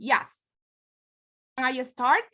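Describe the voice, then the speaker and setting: A woman's voice: high-pitched, lively intonation, drawn-out words, fairly bright tone. A woman from Ecuador speaking on a video call as a conference presenter, hesitant and polite, with many fillers.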